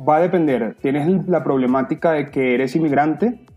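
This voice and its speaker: A husky-voiced young Venezuelan man with a Venezuelan accent chats on a podcast. He talks at length, earnest and open, with a faint bed of music under him. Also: a little high, normal speed, dull audio. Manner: talkative, earnest, slips into playful voices. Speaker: podcast guest. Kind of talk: casual podcast chat.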